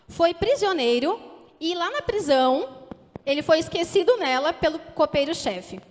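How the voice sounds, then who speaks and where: A Brazilian woman in her thirties, a teacher, giving an earnest sermon testimony and asking the congregation direct questions. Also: sits high. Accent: Brazilian Portuguese. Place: church hall. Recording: echoey hall with long reverb.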